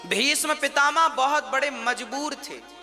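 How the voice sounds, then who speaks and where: A religious storyteller preaches a devotional story as a sermon to an audience in a large hall, exhorting listeners directly. His voice is extremely high and slow, in a reverberant space with instrumental music.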